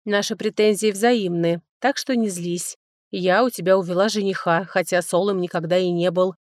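A woman reading an audiobook, voicing a calm, self-possessed duchess who is the older sister. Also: fairly low pitch, no room sound, lightly acted. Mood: composed. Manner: cool, measured, softly condescending.

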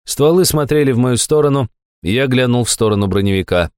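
A man narrating a first-person audiobook with wry, deadpan asides. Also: medium pitch, brisk, clean tone, no echo, clean studio sound.

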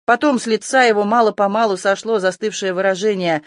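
Audiobook narrator, steady tense reading, mid-pitched voice, dry close sound. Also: a little fast, dry recording. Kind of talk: scripted narration.

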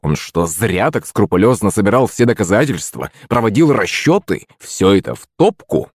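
A man reading a novel aloud as narrator with expressive storytelling. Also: on the low side, moderate pace, slightly rough, no room sound, studio quality. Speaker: audiobook narrator. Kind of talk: scripted narration.

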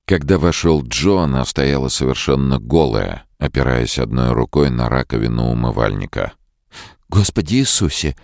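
Very deep, gravelly male narrator. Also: normal speed, few pauses, darkish tone, dry recording, studio quality. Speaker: audiobook narrator. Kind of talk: scripted narration.

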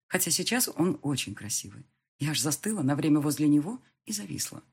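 A woman narrating a first-person audiobook in an expressive, animated way. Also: low voice, fairly quick, husky.

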